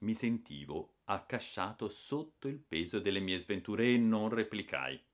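A man's voice: fairly low pitch, sing-song, measured pace. A man narrating a children's story in the first person, with a dramatic and theatrical delivery. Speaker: audiobook narrator.

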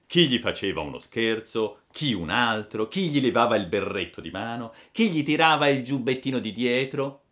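A man narrating a classic storybook in an expressive reading voice. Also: mid-range voice, moderate pace, hardly any pauses.

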